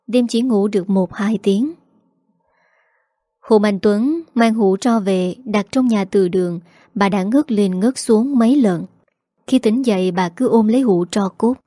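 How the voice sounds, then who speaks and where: A woman narrating a story in a steady, earnest storytelling voice. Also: mid-range voice, no room sound, studio quality.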